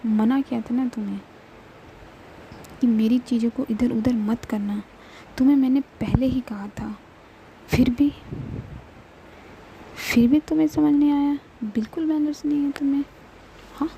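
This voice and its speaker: Woman voicing a hot-tempered young woman, gravelly. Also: steady tone, a little slow, pauses often, highs cut off, a little hiss or hum. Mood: angry scolding. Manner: sharp, scolding, rising pitch.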